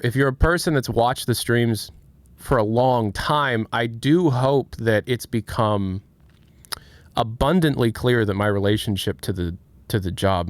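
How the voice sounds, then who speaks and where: A man in his late twenties talks on a casual livestream, answering his chat openly and thoughtfully. He often breaks off and restarts mid-sentence. His voice sits a little low, smooth and clear, and it sounds close and dry. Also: no echo. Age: 20s. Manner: candid, reflective, halting with many restarts. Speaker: streamer.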